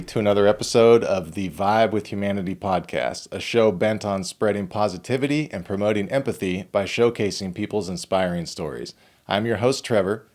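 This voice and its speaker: Low-voiced man hosting a podcast. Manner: smooth scripted intro, then short attentive questions. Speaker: podcast host. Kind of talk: podcast interview.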